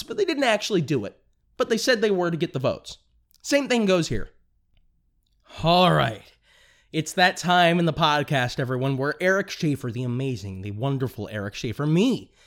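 A young man hosting a political commentary podcast, talking fast and excitably, tripping over his words and restarting sentences. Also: a little high. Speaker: podcast host.

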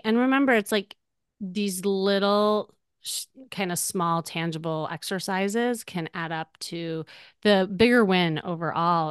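A woman's voice: lowish voice, clear, resonant tone, no room sound, clean studio sound. A woman hosting a dating-coaching podcast, upbeat and encouraging, often laughing as she talks. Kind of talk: warm encouraging coaching chat.

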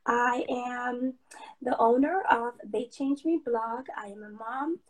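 A woman from Jamaica, a blogger and author, speaks slowly in a somewhat high voice as a guest on a livestream call. Her casual interview chat is full of "um"s and restarts, and the audio is poor.

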